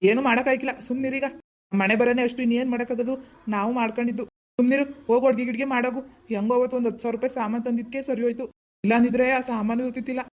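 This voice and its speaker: A man voicing a fast-talking nagging cartoon husband. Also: extremely high pitch, level tone. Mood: resigned. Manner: nagging, lecturing. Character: scolding village husband, adult man, blunt and practical. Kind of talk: Kannada cartoon voice acting.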